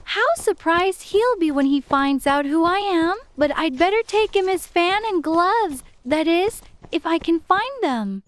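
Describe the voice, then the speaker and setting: A man's voice: very high voice, animated, unhurried, hardly any pauses, fairly bright tone, voice pushed up, full character voice. Alice, a prim little girl, as a man puts her on. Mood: wondering. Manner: prim, wondering, talks to herself. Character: curious, chatty little girl, polite and fretful.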